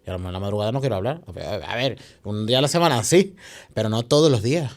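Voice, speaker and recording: Speaking quickly and with feeling, a young man from Venezuela tells an interviewer on a podcast about a hard chapter of his life. His voice is fairly low and expressive; he restarts phrases, tacks on tag questions, and his Venezuelan Spanish accent comes through plainly.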